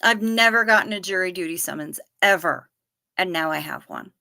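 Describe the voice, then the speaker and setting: With a lowish, animated voice carrying vocal fry and a sharp edge, this woman in her fifties chats at a moderate pace on her livestream. Hailing from the Niagara Falls area, she playfully reads comments and addresses viewers by name. There's no room sound, and the audio is studio quality.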